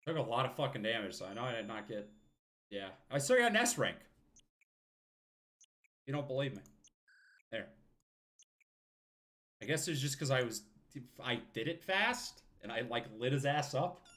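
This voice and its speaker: A man's voice: mid-range voice, sing-song, normal speed, pauses often, fairly bright tone. A man with a scratchy throat casually commenting, swearing and joking, while live-streaming a video game. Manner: casual, profane, jokey.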